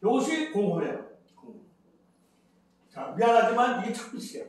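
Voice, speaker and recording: A man's voice: high voice, big pitch swings, moderate pace. An older man giving a rambling Bible lecture as a preacher, chatty, counting and repeating phrases. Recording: very echoey, from far off the mic.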